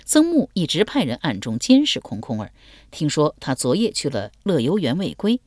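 A woman narrating a historical novel as an audiobook, in an expressive storytelling cadence. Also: sits low, normal speed, dry recording, clean studio sound.

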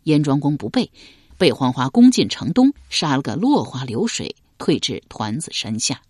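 Lively husky male storyteller. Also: medium pitch, normal speed, no echo, studio quality. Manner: lively dramatic telling with many voiced characters. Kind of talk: historical novel narration.

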